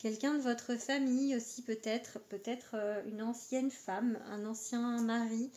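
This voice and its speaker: A woman's voice: a little high, fairly even intonation, measured pace, darkish tone. Hesitant woman reading oracle cards. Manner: hesitant, full of filler words. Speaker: oracle card reader. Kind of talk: casual astrology card reading.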